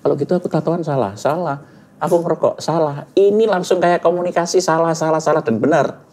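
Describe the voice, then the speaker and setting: A man's voice: on the high side, a little fast, darkish tone. A middle-aged man earnestly tells his personal testimony in an interview, slipping in words. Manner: earnest storytelling, sprinkled with Javanese words. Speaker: guest giving a testimony.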